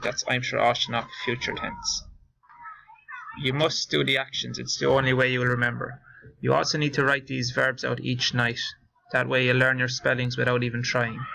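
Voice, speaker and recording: A man teaching a class, slowly and carefully drilling verb forms. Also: mid-range voice, gravelly, sharp tone, poor audio. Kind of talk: classroom lesson recording.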